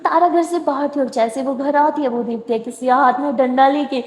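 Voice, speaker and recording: A woman's voice: sits high, fairly even intonation. A woman narrating a love story in a chatty way, with asides to the listener. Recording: echoey room with long reverb.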